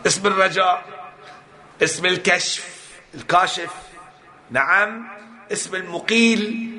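A man's voice: high voice, pushed and bright. A man giving a religious lecture, emphatic, often asking and then answering his own rhetorical questions. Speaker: preacher.

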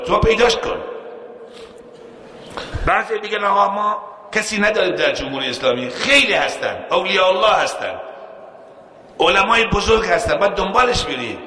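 A man preaching a storytelling sermon, acting out quoted speech and chanting verse. His voice is bright and forceful. It rings with a long echo through a big hall, with faint noise behind. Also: a little high. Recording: echoey hall.

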